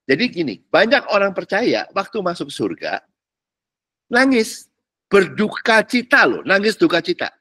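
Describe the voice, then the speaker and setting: Lively chatty Indonesian pastor. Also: male voice, high-pitched, measured pace, no echo. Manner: chatty, slangy, asks listeners if they follow. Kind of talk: casual teaching sermon.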